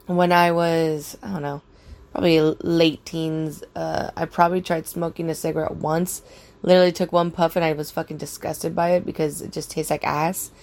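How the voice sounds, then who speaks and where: Low-pitched, a little mellow and raspy, a young woman's voice drifts casually through a story from her life, heavy on fillers and profanity.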